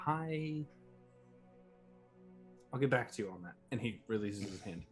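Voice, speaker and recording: A man's voice: lowish voice, lively intonation, measured pace, faint music behind. A man chatting casually and jokingly as a player in a tabletop role-playing game.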